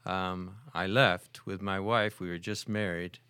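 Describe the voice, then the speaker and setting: Low-voiced older man, halting speech. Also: fairly even intonation, sharp tone, smooth, no echo, studio quality. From Michigan, USA. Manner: hesitant, halting with restarts. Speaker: guest, church prayer team member. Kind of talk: casual podcast interview.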